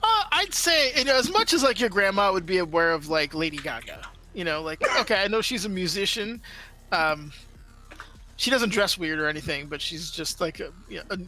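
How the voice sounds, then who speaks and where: A woman's voice: fairly low pitch, very animated, a little fast, sharp tone, poor audio. A woman narrating as game master in a casual, laughing way, swearing freely. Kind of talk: narrating a live-streamed tabletop game.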